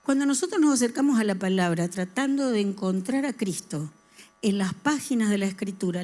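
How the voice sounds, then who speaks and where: A middle-aged woman, preaching a sermon and asking the congregation questions. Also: mid-range voice. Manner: lively, talks with the congregation and asks them questions. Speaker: church speaker.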